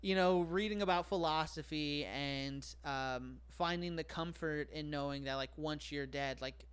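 A man's voice: a little high, measured pace, clear, resonant tone. A man talking as a podcast guest in casual chat. He speaks frankly and profanely, with lots of fillers and self-deprecating humor.

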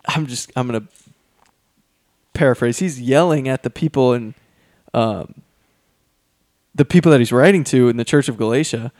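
A man's voice: mid-range voice, normal speed, pauses often, darkish tone, no room sound, studio quality. Man reading scripture in casual chat. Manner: reads Bible passages aloud, many ums and restarts. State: out of breath. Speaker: podcast co-host.

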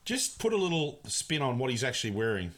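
A man's voice: mid-range voice, very animated, quick pace, a bit bright. Wry man chiming in. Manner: wry, joking interjections. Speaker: podcast co-host. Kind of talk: casual film-review chat.

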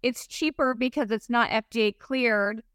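A woman's voice: a little high, moderate pace, a bit bright, clear, resonant tone, no echo, clean studio sound. A middle-aged woman talking casually and emphatically as a guest expert in an interview. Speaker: podcast guest, esthetician and company founder.

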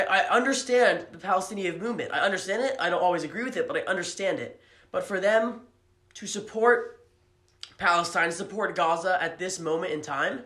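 A young man with a high voice talks in an earnest, casual way, often stopping to restart his sentences. He co-hosts a podcast, and his voice rings in an echoey room. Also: fairly bright tone. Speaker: podcast co-host. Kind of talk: casual opinion talk.

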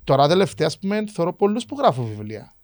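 A man's voice: a little high, very animated, darkish tone, no room sound, studio quality. A man with a Cypriot Greek accent interviewing casually, questioning things and dropping in English words. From Cyprus.

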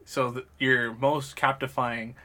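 A man's voice: mid-range voice, level tone, takes it slowly. A young man co-hosting a casual podcast, reacting and joking with the guest. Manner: reactive, jokey, loud laughs. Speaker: podcast co-host. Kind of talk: casual chat.

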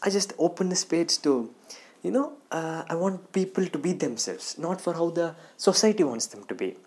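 A man with an Indian English accent tells comic stories to the camera in a lively monologue. He switches into little voices as he acts out the scenes. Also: fairly high pitch, moderate pace. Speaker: comedy vlogger. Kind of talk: storytelling stand-up monologue.

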